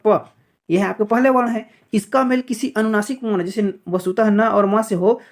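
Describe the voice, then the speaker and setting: A woman's voice: on the low side, darkish tone. Woman teaching a grammar lesson. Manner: addresses viewers as friends, repeats examples, frequent "thik hai" checks. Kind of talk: exam-prep grammar lesson over slides.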